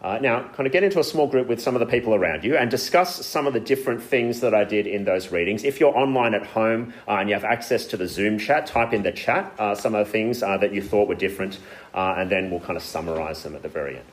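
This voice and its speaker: Low-voiced man teaching a group casually. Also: quick pace. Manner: casual, with frequent uh fillers and kind of. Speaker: workshop leader teaching Bible reading. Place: meeting room with an audience, also streamed online.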